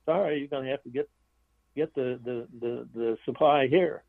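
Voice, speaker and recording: A man's voice: medium pitch, moderate pace, vocal fry, no room sound. A man talking as an author and interview guest, rambling with restarts and blunt opinions. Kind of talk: casual interview talk. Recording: tinny phone line.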